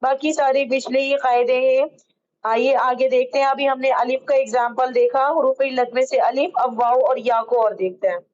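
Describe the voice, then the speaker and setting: A woman teaching how to read Quranic script, explaining each rule slowly and patiently and drawing out the words she recites. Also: sits high, fairly even intonation, darkish tone, dull audio. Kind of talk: online Quran reading lesson.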